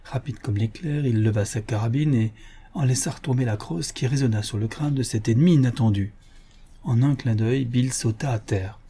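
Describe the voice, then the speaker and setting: A man reading an adventure novel aloud as an audiobook, in measured, even narration. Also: mid-range voice, slightly rough. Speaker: audiobook reader. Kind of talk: scripted narration.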